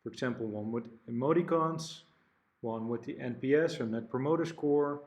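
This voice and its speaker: A man narrates a software product demo step by step, his middle-pitched voice plain and explanatory. Occasionally he stumbles and restarts a word.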